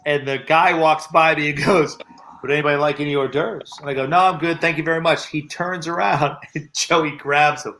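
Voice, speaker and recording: Man, bright tone, slightly high, chatty friend telling a story with acted quotes. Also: normal speed. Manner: animated storyteller, quotes others in raised voice. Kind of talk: casual chat.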